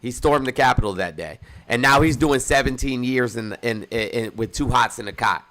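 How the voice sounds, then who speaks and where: A man's voice: medium pitch, a little fast, fairly bright tone. A man hosting a live talk stream, telling a joking, profane story in casual chat.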